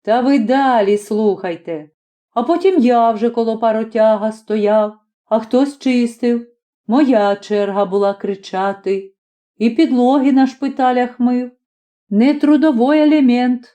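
Woman voicing a grumbling ex-magistrate, middle-aged man, folksy, lively, slightly raised voice. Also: fairly high pitch, measured pace, lightly acted. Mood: wry.

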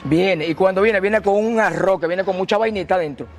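High-voiced man telling a story. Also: brisk, slight background noise. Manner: animated, slangy, acts out quotes. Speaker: guest telling his story. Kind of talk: casual storytelling.

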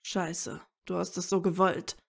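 A woman reading aloud as a gruff adult male werewolf who scolds and growls. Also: on the low side, takes it slowly, warm tone. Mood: low nervous. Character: gruff grown male werewolf, curt and irritable.

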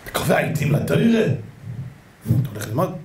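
A man's voice: a little high, sing-song, darkish tone, slight background noise. A man voicing a stern, imposing elderly rabbi who fires off short, blunt questions. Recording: echoey room.

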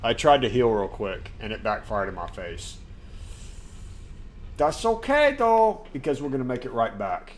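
A man's medium-pitched voice has a sing-song, unhurried quality, with slight background noise, as he streams a game live from his home desk. Chatting straight to his viewers while commentating, he gets worked up easily and swears.

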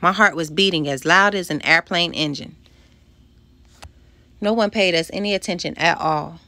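A woman with a lowish voice reads a first-person children's story aloud, lively and expressive as she carries the scenes. The sound is close and dry, with no room around it. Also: normal speed, dry recording. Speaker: audiobook narrator.

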